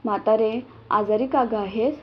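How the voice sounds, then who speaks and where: Lady reading as a soft caring village mom, storybook, kinda muffled sound. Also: fairly high pitch, steady tone, moderate pace, a little hiss or hum, lightly acted. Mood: gentle. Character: kind village mother, gentle and caring. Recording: dull lo-fi recording.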